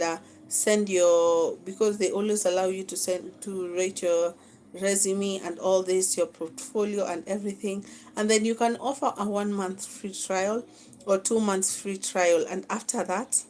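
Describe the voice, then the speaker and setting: A Kenyan woman leads a live-streamed class, coaching her viewers and often circling back to repeat a point. Her voice sits at an ordinary middle pitch, and faint noise hums under the recording. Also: darkish tone, poor audio. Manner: coaching, repeats phrases, frequent "okay?" check-ins. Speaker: social media marketing instructor.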